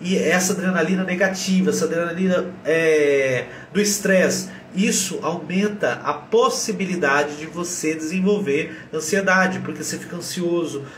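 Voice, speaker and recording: A man with a Brazilian Portuguese accent, a doctor teaching a live lesson on depression with energetic, direct and blunt coaching. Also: fairly high pitch, moderate pace, hardly any pauses, slight background noise. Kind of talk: live motivational lesson to viewers. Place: warm room with an air cooler running. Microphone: camera set back from him. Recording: roomy echo, voice from a distance.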